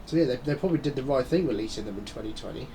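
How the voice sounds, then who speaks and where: This low-quality recording carries a little hiss or hum as a gaming channel host talks very fast through a racing game, his mid-range voice animated, creaky and dark in tone. Stuffed up from a head cold, he breathes through his mouth while rambling casually and muttering asides.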